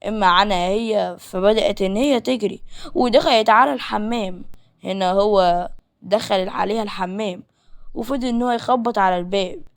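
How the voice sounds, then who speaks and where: A woman with an Egyptian accent reading a romance novel aloud as narrator, in a lively storytelling manner. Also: mid-range voice, brisk. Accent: Egyptian Arabic.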